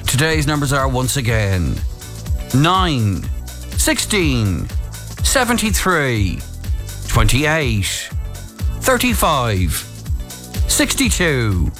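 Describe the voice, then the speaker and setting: A man's voice: mid-range voice, huge pitch swings, extremely slow, pauses often, fairly bright tone. A man with an Irish accent calling scripted bingo announcements on the radio. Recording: music bed under voice. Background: music.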